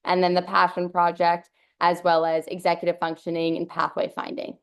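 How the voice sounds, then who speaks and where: A woman's voice: lowish voice, monotone, moderate pace, smooth, muffled recording. A young woman, founder and CEO of a company, giving an upbeat, fluent webinar presentation over a video call, with an occasional "um". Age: young adult.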